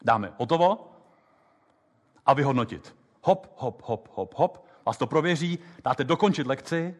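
A man lecturing on memory techniques before an audience, talking fast and lively with plenty of hesitations. His voice carries the long reverb of a lecture hall. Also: mid-range voice. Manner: lively, quick explanations with many fillers. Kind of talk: live lecture with app demo.

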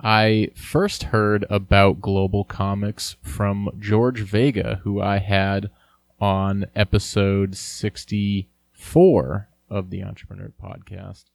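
A man hosts a podcast and introduces his guest, relaxed and easygoing with a few ums. His voice sits on the low side. The sound is dry and close. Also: gravelly, no echo. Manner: relaxed, friendly, with fillers. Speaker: podcast host. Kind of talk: casual podcast intro and interview.

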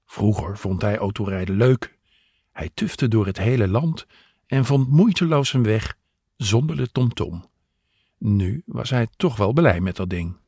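Slow, husky man narrating a story. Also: on the low side, dry recording, clean studio sound. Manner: gentle, unhurried storytelling.

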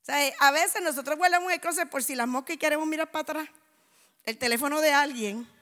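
Bright animated preacher woman. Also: high voice, fast talker. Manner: animated storytelling, acts out dialogue. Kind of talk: sermon with lively anecdotes. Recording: echoey hall.

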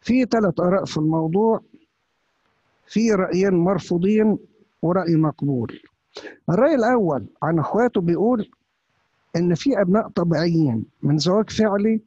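A priest with an Upper Egyptian Arabic accent preaching a sermon, firing off rhetorical questions. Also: male voice, high voice, fast, pauses often, mellow, husky, no echo. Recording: dull, lo-fi, dry.

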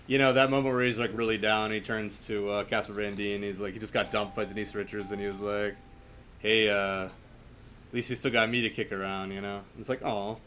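Brisk and flat in delivery, this male host has a fairly low, fairly bright voice as he rambles informally and effusively about films on his podcast. It's a remote recording from home, with background noise clearly audible.

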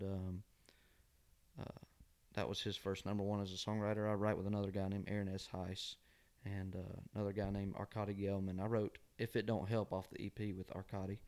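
A Georgia man with a Southern accent and nasal twang talks casually as a country singer-songwriter guest in an interview. His voice is fairly low, a little mellow, and flat, at a moderate pace. He's folksy and often caps his phrases with "man."

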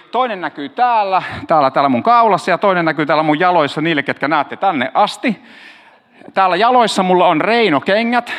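A man's voice: sits high, a bit bright, long reverb tail. A man preaching in a casual, joking way, talking straight to his congregation as their pastor. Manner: joking, chatty, talks to the audience directly.

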